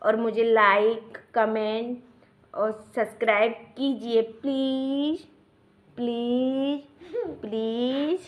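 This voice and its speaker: A woman's voice: fairly high pitch, fairly even intonation, drawn-out words. A mother putting on a pleading toddler boy voice. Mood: pleading cutely. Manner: sing-song baby talk, coaxing.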